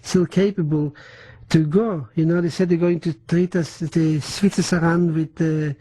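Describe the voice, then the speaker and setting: Older non-native man, halting testimony. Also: on the high side, fairly even intonation, warm tone, husky, rough recording. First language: not English. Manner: halting, many restarts, mixes in German words. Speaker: interviewee. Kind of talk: oral history testimony.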